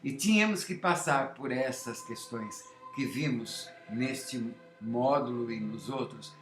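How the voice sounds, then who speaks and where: A male teacher talks through a lesson at an unhurried, measured pace, pausing to ask rhetorical questions. His voice sits in a middle register and carries a noticeable room echo. Faint music plays quietly behind him. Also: mid-range voice. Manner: slow, deliberate explaining with many rhetorical questions. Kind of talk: recorded lesson on phonetics. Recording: echoey room.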